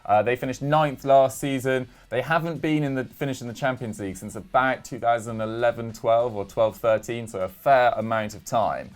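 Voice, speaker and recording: A man's voice: mid-range voice, steady tone, moderate pace, few pauses. A young man hosting a casual football chat show, reeling off stats in a chatty, self-deprecating way. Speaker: football podcast host.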